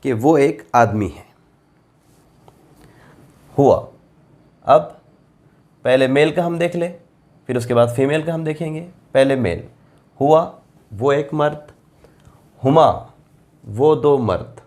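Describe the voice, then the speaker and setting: A man's voice: mid-range voice, a little mellow. A male teacher giving a Quran translation class, reading Arabic phrases and explaining their meanings patiently, repeating forms for drilling. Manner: reads Arabic phrases then gives Urdu meanings, slow and deliberate. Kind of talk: classroom grammar lesson.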